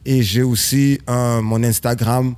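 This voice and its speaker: A man's voice: mid-range voice, little pitch movement, a little slow, a little mellow. A man with a Quebec French accent, a guest entrepreneur in casual chat, emphatic and slangy, sprinkling English words like "man" and "bro".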